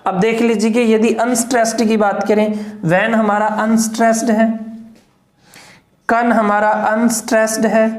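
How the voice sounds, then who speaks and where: A woman's voice: medium pitch, echoey room. A woman teaching English literature for exam preparation, explaining terms step by step and often checking whether her students follow. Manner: explanatory, asks "clear?" often, counts syllables aloud. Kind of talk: exam-prep lecture in Hindi with English terms.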